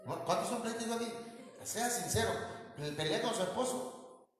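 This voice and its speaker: Male pastor with a Mexican accent, animated high-pitched sermon, long hall reverb. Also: measured pace. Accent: Mexican Spanish. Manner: animated preaching, voice rising high for emphasis. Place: church hall. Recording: echoey hall.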